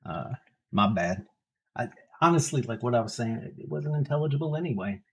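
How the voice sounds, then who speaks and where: A man's voice: medium pitch, lively intonation, a little fast, husky, poor audio. A man tattooing while he talks, mumbling casually with wry, sarcastic asides. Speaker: tattoo artist. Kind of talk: casual talk while working. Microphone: stand mic set for standing.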